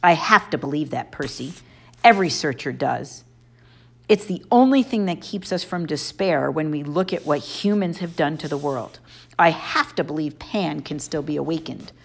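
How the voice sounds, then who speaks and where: A woman's voice: low voice, normal speed, gravelly. A woman voicing an earnest, plaintive young male satyr in an audiobook.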